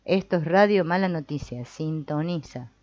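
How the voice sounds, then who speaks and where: A woman voicing a solemn radio announcer who reads out only bad news, in a drawn-out, deliberate broadcast delivery. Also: low-pitched, darkish tone, no echo, lightly acted. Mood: mock-solemn. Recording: dull, slightly muffled recording.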